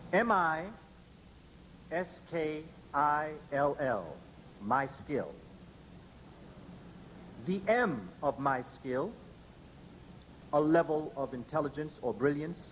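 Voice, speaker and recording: This rough recording captures a man's public lecture, with a faint hiss running beneath it. He is emphatic and deliberate, spelling out letters slowly one by one, in a voice that sits slightly high for a man.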